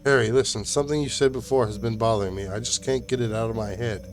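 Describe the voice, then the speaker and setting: A man reading the lines of a frightened young woman nurse, quietly and unsteadily. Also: medium pitch, fairly even intonation, fast talker, soft background music, close to an everyday voice. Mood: scared.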